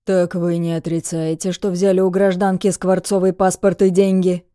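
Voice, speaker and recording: A woman's voice: medium pitch, normal speed, warm tone, dry recording, studio quality, natural voice. A woman voicing a stern male police captain who talks in firm, formal official phrases.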